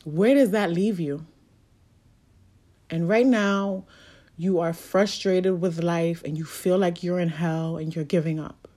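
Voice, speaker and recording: Mellow-voiced woman giving candid pep talk. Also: fairly low pitch, steady tone, takes it slowly. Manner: candid, profane, preachy. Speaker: motivational speaker. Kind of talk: casual motivational monologue.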